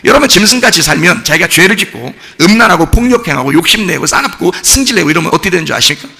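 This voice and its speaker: A male pastor preaching in an animated, questioning way, his bright voice rough with gravel. He swings high and wide in pitch. His words ring out with a long echo through a church hall. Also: very fast. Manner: animated, rhetorical questions to the congregation. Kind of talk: sermon.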